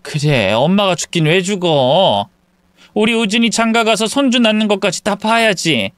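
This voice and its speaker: A man playing a gentle, soothing mother. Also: high-pitched, expressive, normal speed, clear, resonant tone, dry recording, pitched above the performer's own voice. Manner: soft, reassuring.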